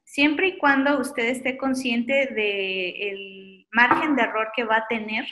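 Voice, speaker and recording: A woman giving a webinar on low vision, talking in a friendly, informal way with many "este" fillers. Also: slow, bright, forceful tone. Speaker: optometrist giving a webinar talk. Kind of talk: webinar lecture with audience questions.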